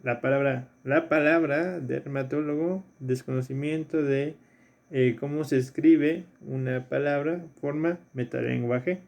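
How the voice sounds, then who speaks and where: Un hombre, profesor de filosofía, da una clase a distancia y repasa ejercicios paso a paso. Repite los términos clave y pregunta "¿sí?" a menudo. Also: male voice, mid-range voice, steady tone, unhurried, creaky, lo-fi sound. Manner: explains step by step, repeats key terms, checks in with "¿sí?". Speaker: philosophy teacher. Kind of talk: recorded remote lesson reviewing exercises.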